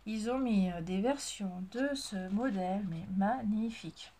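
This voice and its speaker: A woman's voice: medium pitch, measured pace, dark tone. Lady rambling away to the camera, lots of euhs, laughs at herself. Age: adult with a child. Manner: chatty, rambling, self-mocking, many fillers. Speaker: sewing and knitting vlogger. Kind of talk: casual chat to camera.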